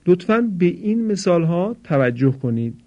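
A man teaching pronunciation to listeners. He explains formally and says model words slowly and loudly for them to repeat. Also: high voice, big pitch swings, dull audio. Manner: slow, loud, drawn-out model words for repetition. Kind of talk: recorded pronunciation lesson for listeners.

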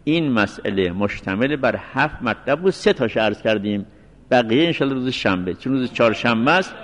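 A male seminary teacher giving a religious law lecture, repeating references slowly and mixing in recited phrases. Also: mid-range voice, animated, a bit bright. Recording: long reverberant hall sound.

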